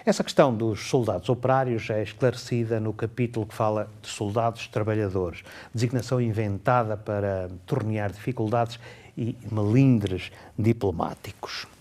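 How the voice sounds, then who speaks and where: A man giving a measured spoken book review, slowing down to read passages aloud. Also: lowish voice, fairly even intonation, darkish tone. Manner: measured, reads excerpts slowly and deliberately.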